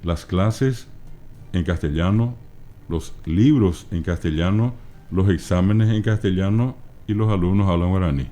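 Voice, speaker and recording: A middle-aged man with a Paraguayan Spanish accent, patiently explaining language points as an interview guest and spelling out word forms slowly. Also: low-pitched, warm tone. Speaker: guest, Guaraní language scholar.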